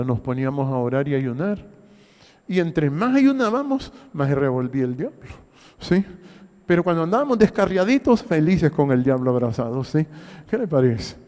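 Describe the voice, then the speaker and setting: An older Honduran pastor delivers an emphatic sermon in a long, reverberant hall, his Honduran Spanish swinging from loud bursts down to low murmurs. He fills it with rhetorical questions and repeated phrases.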